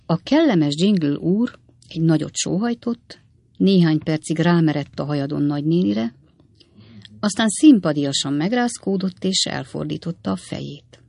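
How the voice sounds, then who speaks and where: Woman narrator for an audiobook: low voice, dry and close. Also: lively intonation, vocal fry, mellow, dry recording. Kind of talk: scripted narration.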